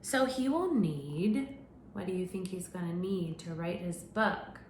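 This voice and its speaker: A woman teacher gives an animated reading of a picture book to young children, stopping to ask them questions. Her fairly low voice moves lively up and down at a slightly slow pace. The echoey room carries a faint, steady hum behind her.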